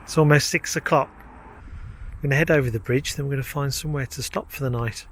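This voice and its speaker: A man's voice: medium pitch, quick pace, slight background noise. A man narrating a casual travel vlog outdoors, chatting as he points out the views. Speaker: travel vlogger. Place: outdoors on a road trip.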